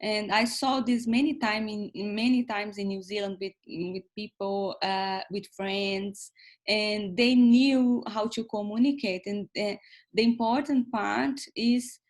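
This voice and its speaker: This co-host of a casual chat is a woman in her thirties who isn't a native English speaker. She talks hesitantly, restarting often and leaning on fillers, in a mid-range voice.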